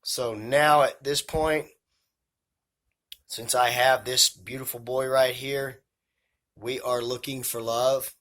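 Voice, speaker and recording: A man's voice: mid-range voice, steady tone, slow, long pauses, a bit bright. Emphatic man hosting a hobby vlog. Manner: emphatic, addresses viewers directly. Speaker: tarantula hobbyist hosting an unboxing. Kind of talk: casual enthusiastic vlog commentary.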